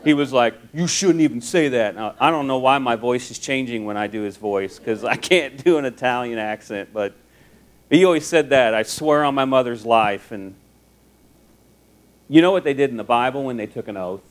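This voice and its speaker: A man's voice: medium pitch, lively intonation, normal speed. Man giving a chatty, jokey Bible talk. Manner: conversational, jokey, acts out quoted voices. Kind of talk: casual sermon to students.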